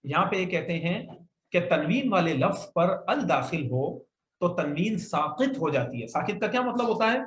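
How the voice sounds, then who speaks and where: A male Arabic grammar teacher with a high-sitting, very animated voice and fairly bright tone speaks at a moderate pace. He patiently explains rules in a classroom and has students repeat words back in call-and-response drills. The room echoes and there's faint noise.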